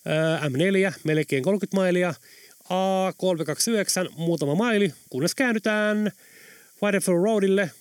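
A chirpy, cheerful London taxi driver in a storybook, put on by a male narrator. He rattles off route after route in a high, bright voice. The recording is dry and close. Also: no room sound, lightly acted. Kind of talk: audiobook character voice.

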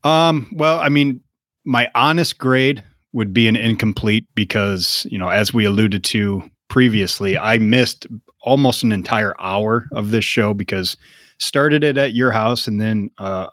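A man co-hosting a casual podcast, talking in a wry, relaxed, joking way. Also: fairly low pitch, unhurried, no room sound, studio quality. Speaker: podcast co-host. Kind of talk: casual podcast review chat.

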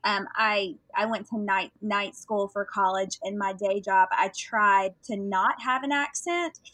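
A woman's voice: medium pitch, a little slow, a bit bright, no room sound, rough recording. A woman in her thirties with a Southern US accent, a podcast guest chatting earnestly about her family and work. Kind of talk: casual interview chat.

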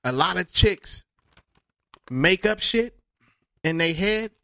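A man's voice: high-pitched, animated, slow, pushed and bright, dry recording. A man in his thirties co-hosting a casual podcast chat, boastful and joking, often breaking into laughter. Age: 30s. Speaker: podcast co-host.

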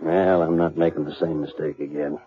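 In a 1950s radio western, an American actor plays a weary, responsible cattleman and older brother who sounds bitter and troubled, speaking plainly with rustic, folksy grammar. His voice is extremely low, level and normal in speed, on a muffled broadcast with faint music.

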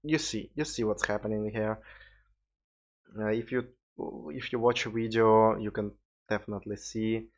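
A man's voice: lowish voice, fairly even intonation, normal speed. A tired man with a Russian accent, hosting a solo podcast in a rambling, informal way with some swearing. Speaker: podcast host. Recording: dull lo-fi recording.

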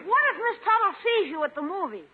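A brash, wisecracking schoolboy in a 1950s radio comedy. The voice is extremely high and bouncy, nosy and slangy, on a tinny narrow-band recording. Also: male voice, expressive, fast. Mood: eager.

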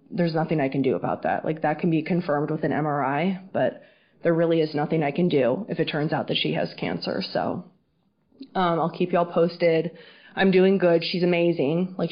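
A woman talks casually and frankly as a solo podcast host, swearing freely, her voice muffled as if underwater. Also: deep voice. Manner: frank, informal, profane. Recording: muffled, underwater-sounding, band-limited audio.

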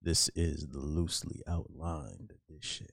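A man's voice: very deep voice, creaky, husky, no echo, clean studio sound, pitched below the performer's own voice, exaggerated voice. A man putting on a sultry late-night radio DJ voice, drawn out and seductive, as a comedic parody. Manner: slow, drawn-out seductive delivery.

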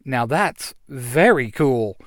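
A man's voice: mid-range voice, lively intonation, slow pace, a bit bright, no echo, clean studio sound. A man voicing a brash, boastful young male hero.

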